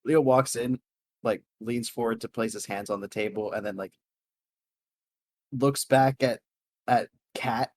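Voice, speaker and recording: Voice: mid-range voice, unhurried, long pauses, a little mellow, no echo. A tabletop player who laughs often and talks loosely. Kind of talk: casual game chat.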